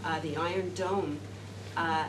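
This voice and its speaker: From a distance, a woman with a low, steady, unhurried voice rambles to a seated classroom group, full of fillers and restarts. The far camera picks up roomy, noisy classroom sound.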